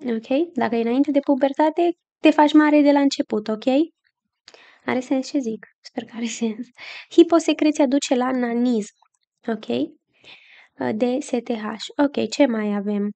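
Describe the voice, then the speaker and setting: A woman's voice: high voice, dark tone. A young woman giving a casual exam review lesson, chatty and checking in often with her listeners.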